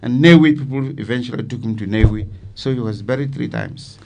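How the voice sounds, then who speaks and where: With slight background noise behind him, an elderly Cameroonian-accented man, a retired army commander of 70 or more, is interviewed about his memories. His mid-range voice is a little mellow with vocal fry, fairly quick, and emphatic, repeating phrases for weight.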